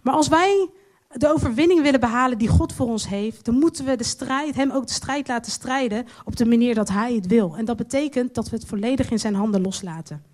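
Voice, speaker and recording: Woman, preacher, sermon, high-pitched, earnest, stretches key phrases. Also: darkish tone. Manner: earnest, slows down to stress key lines.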